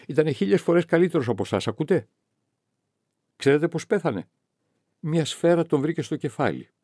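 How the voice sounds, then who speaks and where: A man's voice: mid-range voice, gravelly, mellow, no room sound, clean studio sound, voice pushed up. A man voicing a grieving, bitter young noblewoman who accuses and pleads in turn, in an audiobook reading. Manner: emotional, accusing then pleading.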